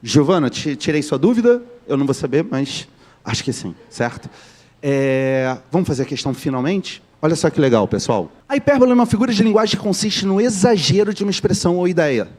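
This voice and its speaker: A man's voice: fairly high pitch, big pitch swings, a little fast, a little mellow. A man from Rio de Janeiro with a Carioca accent, teaching a live online class, joking and quizzing his students as he goes. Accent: Carioca Brazilian Portuguese. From Rio de Janeiro, Brazil.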